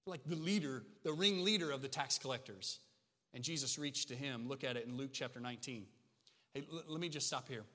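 A man preaching a sermon as a pastor, talking in a conversational, animated way that swings between hushed and emphatic. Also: medium pitch. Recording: long reverb of a large hall.

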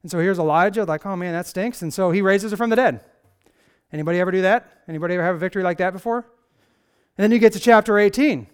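A man's voice: high voice, very fast, clear, resonant tone. A man preaching a casual sermon, telling a Bible story with sarcastic, conversational asides and acted quotes. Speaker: pastor.

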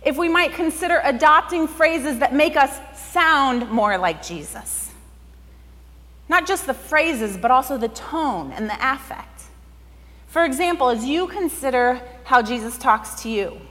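A woman's voice: high voice, a bit bright. A woman pastor giving a sermon in a conversational way, often saying "like". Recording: long hall reverb.

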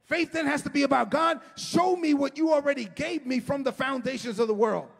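A middle-aged man preaching an impassioned sermon as a pastor, often shouting and stretching his words, recorded in a church sanctuary. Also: very high voice, fairly quick, gravelly. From United States. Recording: long hall reverb.

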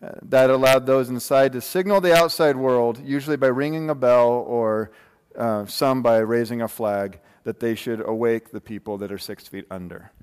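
This preacher, a man of about forty-something, has a medium-pitched, clean-toned voice and talks at a normal speed. He delivers an informal, joking sermon to a congregation in a large room, checking in through rhetorical questions. Long reverb from the hall is heard.

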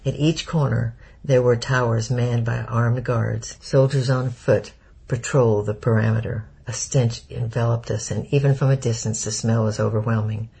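A man reading a first-person story aloud in a steady, measured narration. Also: mid-range voice, creaky, slightly rough. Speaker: audiobook narrator.

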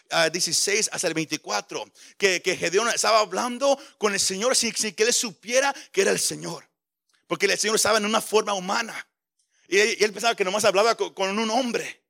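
A man's voice: sits high, creaky, sharp tone. A male pastor preaching a sermon with impassioned delivery, often stammering over repeated words.

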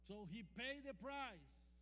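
Pushed, bright and animated, this man's very high voice rings out in a church hall as he preaches in a Costa Rican Spanish accent. He leads the congregation in call and response, stretching scripture quotes emphatically and asking for amens, while a faint hum sits under the long hall reverb.

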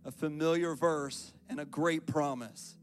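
A man's voice: on the high side, fairly even intonation, a little slow, soft background music. A man giving an earnest sermon as guest preacher at a church service, reading scripture and building into prayer.

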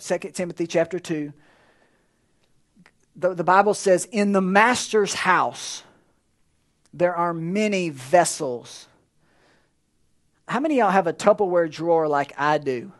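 A middle-aged man, a pastor, preaching a sermon in a conversational way, speeding through asides and slowing down hard on key words. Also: on the high side. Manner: conversational preaching with quick bursts and drawn-out emphasis.

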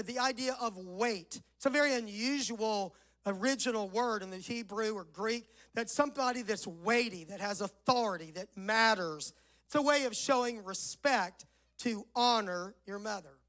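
A male pastor with a Southern US accent delivers a sermon in a fairly high-pitched voice. It is rough and hoarse, with a hollow sound as if from inside a barrel. He sets out each phrase deliberately, as one reciting scripture. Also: a bit bright.

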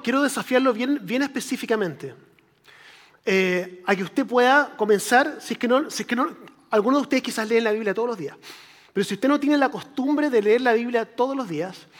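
A man's voice: very high voice, big-room sound. A man preaching a sermon in a conversational way, repeating phrases for emphasis.

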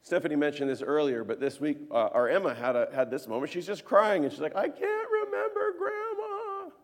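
A man in his thirties preaching a sermon as pastor, earnest, moving between hushed tones and emphatic peaks. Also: medium pitch, fast talker. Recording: long reverb of a church hall.

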